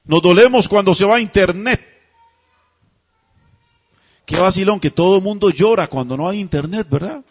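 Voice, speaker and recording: High-voiced preacher. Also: male voice, normal speed, pauses often, breathy edge, muffled recording. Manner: calls the congregation to repeat phrases; conversational, asks rhetorical questions. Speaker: pastor. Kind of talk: sermon.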